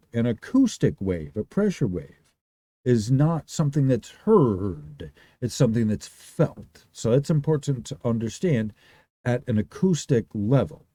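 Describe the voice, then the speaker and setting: A livestream host with a very dark, booming voice gives his regulars an unscripted explanation, his pitch moving a lot. He rambles, often restarts sentences and thinks out loud, and the sound is dry and close with no room sound.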